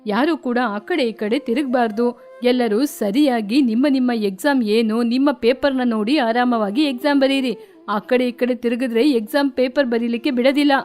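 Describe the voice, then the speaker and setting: A woman's voice: on the high side, normal speed, darkish tone, lightly acted. A woman voicing a strict bird schoolteacher in a cartoon story, stern and instructive.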